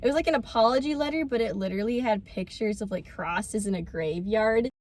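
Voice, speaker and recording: A woman's voice: on the high side, a little fast, darkish tone, dry recording, clean studio sound. A young woman telling a story in casual vlog chat, full of fillers. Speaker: vlogger.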